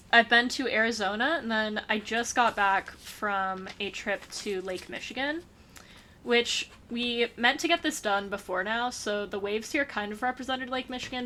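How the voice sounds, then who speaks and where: Young woman, bright and a little high, playful wisecracking co-host, faint noise underneath. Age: young adult. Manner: playful teasing, quick wry one-liners. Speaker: vlog co-host. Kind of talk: casual chat while crafting. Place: indoors at a craft table.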